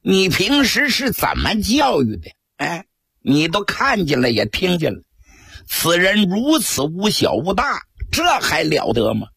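Picture a pompous court eunuch blustering and shouting, his voice pitched high above a plain telling tone, as a male storyteller puts him on. The voice is very husky, close and dry, with no room sound. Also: wildly swooping pitch, unhurried, no room sound, exaggerated voice. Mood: indignant.

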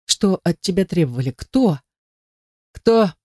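A tearful, defiant young daughter in an audiobook, voiced by a male reader. Her lines come in a lifted, pleading tone. The voice is warm and mellow, and the recording is dry. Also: on the high side, moderate pace, no echo, lightly acted. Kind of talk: audiobook reading.

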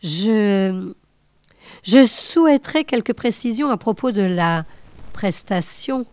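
A woman's voice: medium pitch, animated, slow, darkish tone, clear, resonant tone, dry recording. A woman reading aloud voices a nervous, paunchy man in his fifties who stammers bashfully. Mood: flustered. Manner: stammering, flustered.

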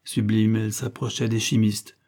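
A man narrating a short story in a measured, theatrical audiobook reading. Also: lowish voice, level tone, dark tone.

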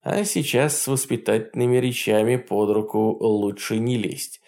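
A man reading a first-person story aloud as an audiobook narrator, in a wry, lively storytelling manner. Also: fairly low pitch, moderate pace.

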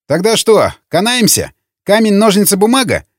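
A man's voice: high voice, wildly swooping pitch, moderate pace, no echo, clean studio sound, voice pushed up, heavily acted. A man voicing a younger male raider who is chatty, teasing and grumbling.

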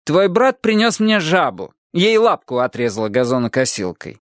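A stern, brisk elderly grandmother, voiced by a man reading a storybook. She scolds in short, impatient bursts, her pitch lifted well above the reader's own and swinging widely. The recording is close and dry, with no room sound. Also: sing-song, no room sound.

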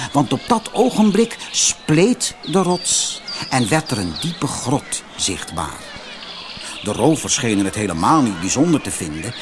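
Man, fairy tale reading, expressive, animated voice, soft music underneath. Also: mid-range voice. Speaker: narrator. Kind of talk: storybook narration.

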